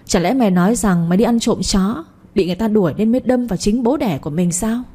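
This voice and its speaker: Woman reading a spiteful young village thief, scornful, fast taunts, dark husky tone. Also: medium pitch, close to an everyday voice. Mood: defiant.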